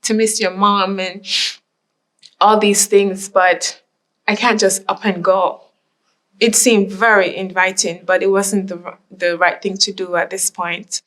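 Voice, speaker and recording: A woman's voice: mid-range voice, level tone, a little slow, a bit bright. Reflective woman from Jamaica. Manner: reflective storytelling, frequent "you know". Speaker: interviewee, nurse. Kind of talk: oral history interview.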